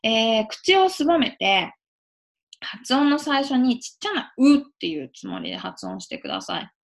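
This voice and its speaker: A woman giving a casual spoken lesson on English pronunciation, patiently demonstrating sounds with drawn-out vowels. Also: fairly high pitch, very animated, creaky. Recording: lo-fi dull sound.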